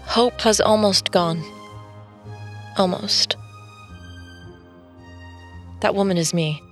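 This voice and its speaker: An actress plays a quiet, geeky woman designer who narrates her story in first person, with dialogue, in an audio drama with music under the voice. Her medium-pitched female voice is slow and lightly acted, reflective and wry in a conversational way.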